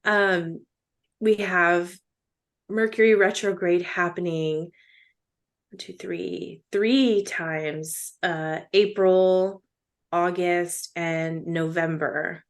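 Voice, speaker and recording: A woman's voice: on the low side, fairly even intonation, drawn-out words. A woman co-hosting a casual chat podcast, chatty with fillers and frequent laughs. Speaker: podcast co-host.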